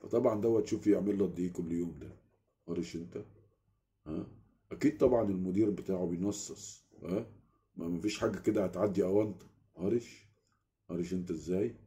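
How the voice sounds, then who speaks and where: A vlogger with an Egyptian Arabic accent tells a story as a casual, animated rant from a small room at home, constantly asking "you get it?" His voice is low-pitched and quick, with frequent pauses.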